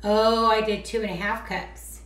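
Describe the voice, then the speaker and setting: A woman's voice: mid-range voice, steady tone, unhurried, a bit bright. A woman vlogger chatting casually while making a craft, rambling and teasing herself as she goes. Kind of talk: casual how-to chat. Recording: roomy echo with faint clicks.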